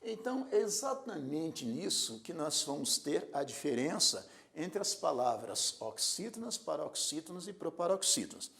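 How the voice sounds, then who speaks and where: A man teaching a grammar lesson, slowly stressing the syllables of example words. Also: on the high side, very animated, creaky, a bit bright. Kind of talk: recorded lecture.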